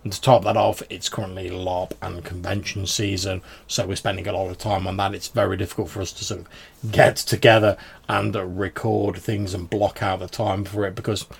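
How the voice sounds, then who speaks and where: A podcast host replies to listener voicemails in a casual, chatty, informal way, often saying "dude." His low, gravelly voice has little pitch movement and a moderate pace, with slight background noise.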